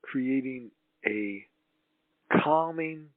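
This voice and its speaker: This mid-range male voice belongs to a spiritual channel guiding listeners through a healing meditation. He sounds solemn and mystical, his phrases slow and halting, on a recording that is roomy and tinny like a phone call.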